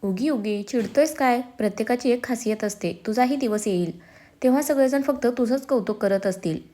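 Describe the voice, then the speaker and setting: A woman's voice: on the high side, moderate pace, close to an everyday voice. A woman doing a confident, determined young man. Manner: firm, self-assured, gently teasing.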